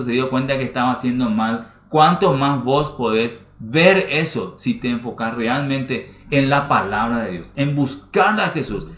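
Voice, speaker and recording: A man's voice: medium pitch, a bit bright. A man preaching a sermon as pastor, stressing his points by repeating phrases. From Paraguay. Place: church hall. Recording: roomy church livestream.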